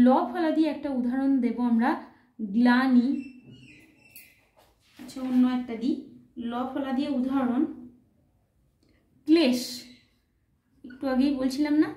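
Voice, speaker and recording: A woman's voice: high-pitched, roomy sound, lo-fi sound. A woman teaching a recorded grammar lesson, patiently spelling words out letter by letter and checking understanding with short questions. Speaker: Sanskrit teacher.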